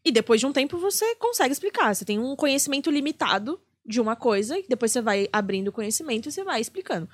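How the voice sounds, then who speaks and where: A woman comedian talks in a rapid, chatty stream and drops swear words freely. Her voice sits fairly high, and the recording is dry and close, with no room sound. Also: sing-song, slightly rough, no echo. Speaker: guest comedian. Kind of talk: casual podcast chat.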